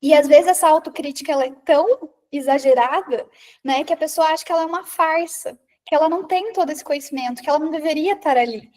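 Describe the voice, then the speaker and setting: Speaking quickly in a high, slightly mellow voice, a woman with an inner-Paraná Brazilian Portuguese accent leads a live online session for women on confidence and public presence. She keeps it chatty, reads comments from her listeners, talks to them directly, and leans on "né?" often.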